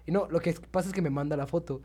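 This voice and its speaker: Rapid-fire young Mexican man. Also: a little high, husky. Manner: animated anecdote-telling, slangy. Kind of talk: casual chat.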